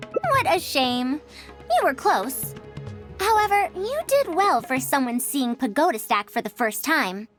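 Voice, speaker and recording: A high-pitched, animated young female scholar from a video game. She is self-assured and explains things precisely like a proud senior researcher, over clear background music. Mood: encouraging, teacherly. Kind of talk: video game character dialogue.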